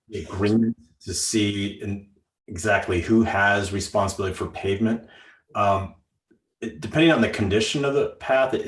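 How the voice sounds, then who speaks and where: Low-voiced staff guy rambling a bit over an explanation, echoey room. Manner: meandering, repeats words. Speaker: city staff. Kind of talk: explaining at a public meeting.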